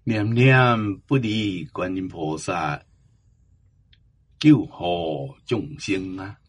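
A man giving a Buddhist Dharma talk, slow and emphatic, drawing out the ends of his phrases. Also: low-pitched, slightly rough. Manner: slow, emphatic exhortation with drawn-out endings. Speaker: Buddhist teacher.

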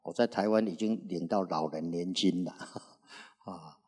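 A man in his sixties, a Buddhist monk, gives an unhurried sermon and fills his pauses with long, drawn-out "ah" sounds. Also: sits low, warm tone, slightly rough. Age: 60s. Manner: unhurried preaching, frequent drawn-out "ah" fillers. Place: Buddhist recitation hall. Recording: reverberant hall recording.

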